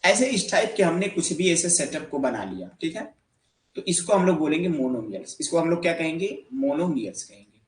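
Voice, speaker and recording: A man teaching an algebra lesson in Hindi, with a fairly high voice for a man. He keeps asking questions and then answers them himself. The room around him is echoey. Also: sing-song, brisk. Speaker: math teacher. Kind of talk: classroom lecture.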